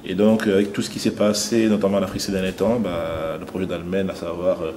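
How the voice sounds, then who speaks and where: A man's voice: sits low, level tone, quick pace, darkish tone. A man from Cameroon, a fashion model, speaking earnestly in an interview with some hesitations. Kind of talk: interview testimony. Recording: noisy ambience behind.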